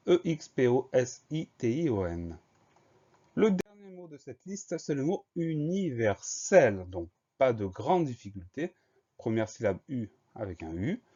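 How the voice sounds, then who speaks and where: A man with a lowish, dark-toned voice teaches a spelling lesson, patiently explaining the rules and spelling out words letter by letter. The recording has a dull, lo-fi sound.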